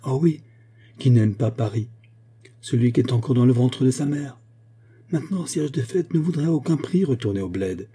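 A man voicing a naive, excitable rustic herdsman in a read-aloud story, speaking in raised, passionate outbursts. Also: medium pitch, moderate pace, slightly rough, pitched above the performer's own voice. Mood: cheerful.

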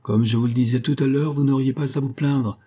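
A man's voice: mid-range voice, fairly even intonation, fairly quick, mellow, husky, voice pushed up, close to an everyday voice. A man voicing a cold, proud, wealthy man who speaks in a dry, clipped way. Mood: cold, curt.

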